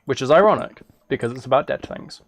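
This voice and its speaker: A man live streams a game indoors at a computer, rambling casually and amusing himself in a fast, expressive, medium-pitched voice. Clear background noise and keyboard and mouse clicks are audible.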